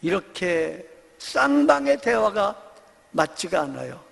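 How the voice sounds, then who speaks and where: A male pastor from Seoul preaching a Sunday sermon, animated and humorous, acting out the voices he quotes. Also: high voice, normal speed, vocal fry, breathy edge, big-room sound. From Seoul, South Korea.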